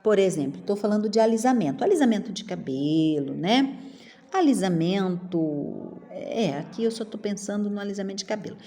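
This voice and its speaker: A middle-aged woman with a Brazilian Portuguese accent, teaching a spelling lesson to children and drawing words out slowly, one at a time. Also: medium pitch, lively intonation, dark tone. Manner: slow, drawn-out word-by-word enunciation.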